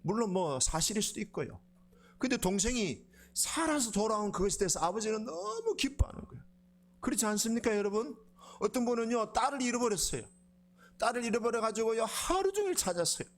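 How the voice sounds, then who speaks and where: A male pastor, preaching a sermon in a lively, conversational way and often asking the congregation questions. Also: sits high, a little fast.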